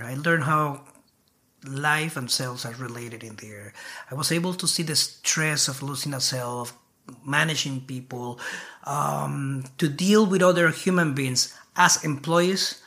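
A man's voice: a little high, unhurried, sharp tone. A man from Colombia with a Spanish accent, a guest telling his background in a casual interview, hesitant, with many fillers.

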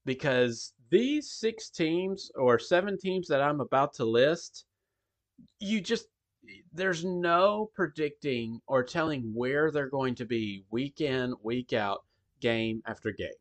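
A man's voice: medium pitch, expressive, slow. A man hosting a podcast in casual sports talk. His voice sounds hollow and echoing, as if he were in a tunnel, because his mic is faulty. He talks in a rambling way, with frequent ums and restarts. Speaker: podcast host.

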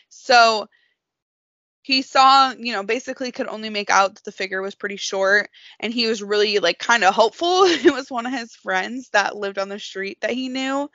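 A woman's voice: mid-range voice, bright, forceful tone, dry recording. A young woman hosting a casual podcast, telling a creepy story in a chatty way, full of fillers and frequent laughter. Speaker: podcast host. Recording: dry, slightly dull remote recording.

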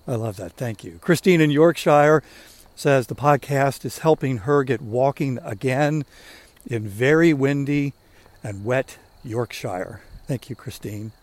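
A man's voice: medium pitch, takes it slowly, a little mellow, no echo. Chatty man in his sixties. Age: 60s. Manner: chatty, rambling storyteller. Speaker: podcast host. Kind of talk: casual talk while walking. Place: outdoors on a walk.

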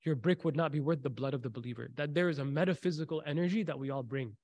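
Guy teaching a faith class, talks quick, bit high voice, repeats lines for punch, dry sound. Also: a little mellow, no echo. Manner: repeats key phrases for emphasis, asks the audience questions; recites short Arabic passages among English talk. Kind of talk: faith class talk with storytelling.

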